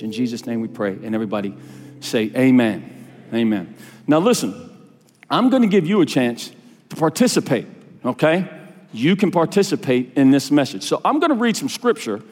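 Energetic pastor preaching in a reverberant hall. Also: male voice, on the high side. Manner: animated, repeats phrases, calls for congregation responses. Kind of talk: sermon. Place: church sanctuary. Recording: long hall reverb with faint music.

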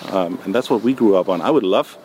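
A man answering interview questions in a relaxed, hesitant way, with many ums and restarts. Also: fairly low pitch, fast talker. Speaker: music producer guest. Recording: noisy background.

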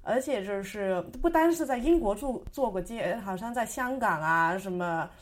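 A woman's voice: medium pitch, lively intonation, moderate pace. A woman co-hosting a casual discussion who explains things at length with light laughter. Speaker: podcast co-host.

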